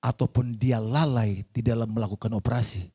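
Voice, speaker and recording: A man's voice: medium pitch, steady tone, a little fast, warm tone, breathy edge. A middle-aged man, a pastor, telling a personal testimony in a conversational sermon and acting out the voices he quotes.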